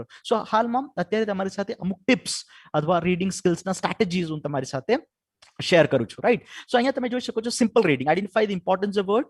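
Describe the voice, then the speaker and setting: A man with a Gujarati accent lectures in a webinar on learning English, switching between Gujarati and English and checking in with "right?" again and again. His voice sits high and swings widely in pitch. The sound is dry and close, with no room echo. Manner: keeps asking "right?" after points. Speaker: English teacher giving a webinar talk. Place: home or office for an online webinar.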